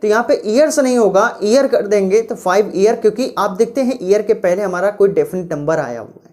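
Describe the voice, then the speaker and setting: A woman teaching English grammar, explaining rules patiently and reading example sentences slowly and clearly. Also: medium pitch, a little mellow. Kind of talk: classroom grammar lecture.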